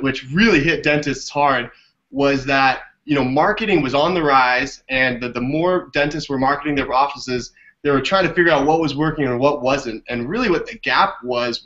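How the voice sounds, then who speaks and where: A business development director joins an interview as a guest over a video call, explaining things conversationally. His voice has a medium pitch and fairly bright tone, picked up by the call microphone as dull, lo-fi audio.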